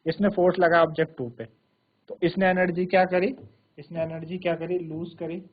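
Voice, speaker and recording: A man's voice: high-pitched, level tone. Man teaching science, tinny sound. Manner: repetitive, quizzing questions to pupils; slow, word-by-word dictation of English definitions. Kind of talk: classroom lecture in Hindi with English terms. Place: TV studio virtual classroom. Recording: thin phone-like sound.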